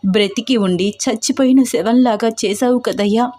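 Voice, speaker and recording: A woman's voice: fairly high pitch, normal speed, mellow, natural voice. Woman voicing a despairing young woman. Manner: despairing, self-pitying. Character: grieving helpless young woman.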